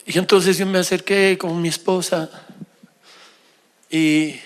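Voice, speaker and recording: A middle-aged man preaching an emotional sermon as pastor, swinging between loud exclamations and soft confessional tones. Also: sits high, steady tone, slow pace.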